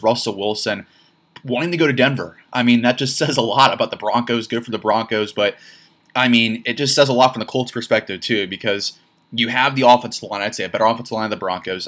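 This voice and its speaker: A man hosting a sports podcast alone, reacting animatedly with quick repeated phrases and laughing asides. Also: lowish voice, fairly bright tone. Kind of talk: solo sports podcast commentary.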